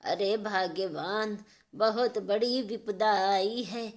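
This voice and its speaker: A woman voicing an elderly father who speaks slowly and soothingly. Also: mid-range voice, steady tone, natural voice. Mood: gentle concerned. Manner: slow, soothing. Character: worried elderly father, gentle and slow.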